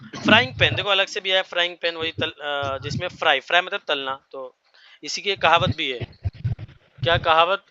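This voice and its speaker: A man's voice: fairly high pitch, normal speed, pushed and bright, highs cut off, slight background noise. A man teaching English vocabulary to a class, explaining each word and checking that everyone follows. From India.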